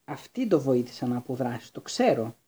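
A man voicing a furious, spiteful professor who yells and seethes, reading a storybook aloud. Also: mid-range voice, big pitch swings, slightly rough. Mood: raging. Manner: yelling, seething.

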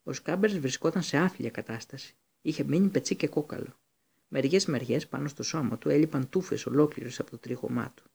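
Male audiobook reader, gravelly, husky tone, steady storybook reading. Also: on the high side. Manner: steady reading, occasional slips and restarts. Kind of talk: storybook narration.

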